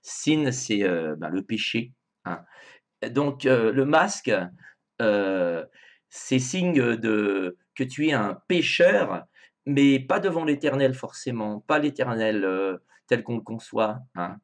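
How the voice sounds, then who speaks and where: A man talks through song lyrics in a loose, unscripted commentary. His pitch sits in the middle range, and he stalls often on filler sounds and restarts. Now and then he turns indignant and more forceful. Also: slow pace. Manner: animated, indignant asides. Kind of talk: casual spoken commentary.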